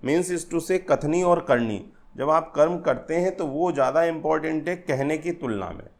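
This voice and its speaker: A man teaching literary terms for an exam, explaining slowly in a mix of Hindi and English and often calling his viewers friends. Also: fairly high pitch, gravelly. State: tired from late nights. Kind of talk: exam-prep literature lesson.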